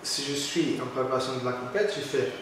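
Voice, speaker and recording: A man with a Portuguese accent answering casual interview questions in halting, non-fluent French with a foreign accent. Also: medium pitch, steady tone, a bit bright. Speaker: interviewee, competitive physique athlete. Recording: echoey room, distant mic, faint noise.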